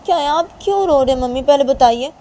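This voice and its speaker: A woman plays a worried young woman in a spoken storybook. Her voice is pitched very high and raised, pleading and insistent. It keeps a mellow, soft timbre. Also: expressive, a little fast, slight background noise.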